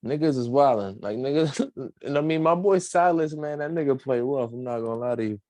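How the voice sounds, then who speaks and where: A man's voice: mid-range voice, animated, a little fast, a little mellow, no room sound. A young man co-hosting a casual wrestling podcast, laid-back, laughing often and full of slang. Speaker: podcast co-host. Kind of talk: casual wrestling review chat.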